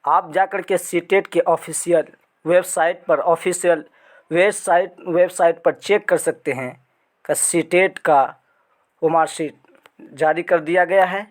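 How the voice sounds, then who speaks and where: A man's voice: a little high, fairly even intonation, unhurried. A male channel host giving a casual screen walkthrough, repeating and restarting his phrases as he goes.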